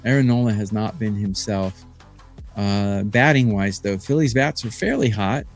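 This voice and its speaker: A man's voice: on the low side, normal speed, gravelly, soft background music. A man in his fifties from Arizona, a sports betting handicapper talking on a live stream in a boastful, rambling way with lots of fillers. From Phoenix, Arizona. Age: 50s.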